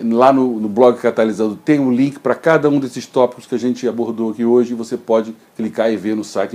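A man's voice: mid-range voice, mellow. A man in his forties hosting a daily tech news video from his home office, talking informally and gesturing, recorded on a desk webcam.

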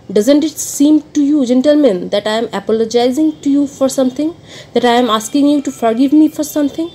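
A woman reading a first-person novel aloud as an audiobook, expressive and dramatic, moving between rueful murmurs and emphatic outbursts. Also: high-pitched, breathy edge, poor audio. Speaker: audiobook reader.

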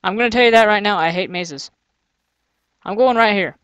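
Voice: mid-range voice, normal speed, a bit bright, clean tone, lo-fi sound. A gamer giving casual let's-play commentary, thinking aloud, grumbling and joking sarcastically. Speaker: gamer playing through a custom map.

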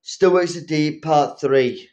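Young guy with a cold doing a casual vlog on his phone at home, kinda halting, muffled lo-fi sound. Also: fairly high pitch, darkish tone. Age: young adult. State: under the weather with a cold. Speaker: vlogger. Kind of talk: casual vlog chat to viewers. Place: small room at home. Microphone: phone at arm's length. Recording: dull lo-fi phone audio.

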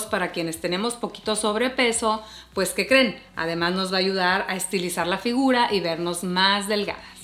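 A forties-aged woman who vlogs about fashion and beauty offers warm, chatty style tips to the camera, calling viewers "hermosas." Her voice is medium in pitch. She sits before a bed in her bedroom, captured by a camera framing her at chest level, and the audio has a roomy feel.

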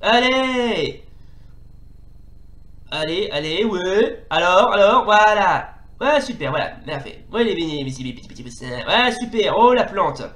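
A man giving excitable let's play commentary on a retro arcade game, scolding the enemies out loud and tripping over his words. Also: sits high, a little slow, echoey room. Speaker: retro gaming YouTuber.

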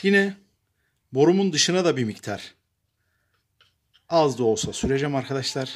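A man calmly talking viewers through a repair job step by step, pausing often with fillers as he works. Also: medium pitch. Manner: plain and unhurried, addresses viewers as friends, frequent filler pauses. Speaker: DIY repair presenter. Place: workshop bench and outdoor paved yard.

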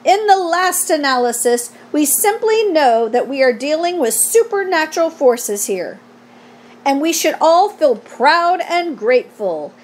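A woman voicing a pompous, formal loudspeaker announcer at a fair, in a storybook read aloud. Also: high-pitched, big pitch swings, unhurried. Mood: pompous, proud. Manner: pompous, formal, grandly declamatory.

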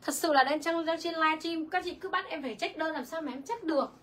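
Fast-talking woman selling clothes live. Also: very high-pitched, fairly bright tone, slight background noise. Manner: chatty, rapid, reads viewer comments aloud. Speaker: online clothing seller. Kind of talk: livestream sales pitch.

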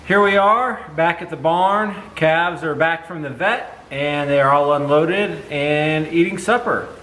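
A man co-hosting a casual farm vlog, explaining in a steady, matter-of-fact way, filmed in an open barn by a nearby camera. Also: a little high, unhurried, low-quality recording. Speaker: dairy farmer, co-host. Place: open-sided barn outdoors.

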